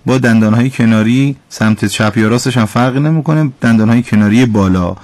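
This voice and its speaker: A man's voice: mid-range voice, a little mellow, no echo. A man hosting a call-in radio program, patiently and politely correcting callers' recitation and pronunciation. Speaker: radio host teaching Quran recitation.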